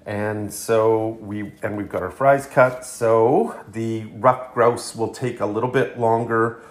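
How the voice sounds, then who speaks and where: A man's voice: lowish voice, steady tone, slow pace. A man hosting a hunting and cooking show, talking casually and hesitantly in his kitchen, with plenty of fillers and restarts. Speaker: hunting and cooking podcast host. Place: home kitchen.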